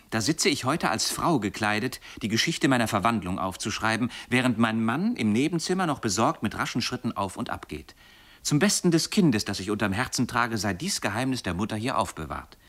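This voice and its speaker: A man with a fairly low voice narrates an audiobook in a steady, expressive storytelling manner. The reading is scripted and follows a classic literary text.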